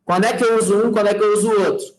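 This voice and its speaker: Talking very fast in a high voice over poor audio, this Brazilian Portuguese-accented man runs a laid-back English class. He keeps asking "tá?" and "fechou?" to check on his students, chatting easily and tossing in folksy sayings.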